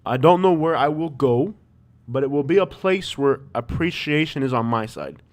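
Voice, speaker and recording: A man's voice: a little high, animated, normal speed. Casual man with a Miami accent. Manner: informal, thinking aloud, peppered with "man" and "bro". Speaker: livestream host. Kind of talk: casual chat, live commentary on property listings.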